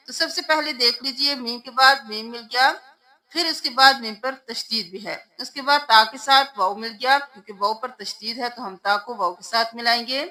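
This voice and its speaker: A woman's voice: fairly high pitch, sharp tone. A woman teaching Quran recitation, patiently spelling out words letter by letter in a tajweed lesson.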